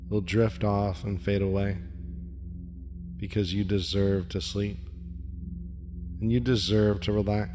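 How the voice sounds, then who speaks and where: A man guiding a sleep meditation like a sleep story narrator, with a soothing, hypnotic, repetitive and gently instructing manner. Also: fairly low pitch. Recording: long reverb with music behind. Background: music.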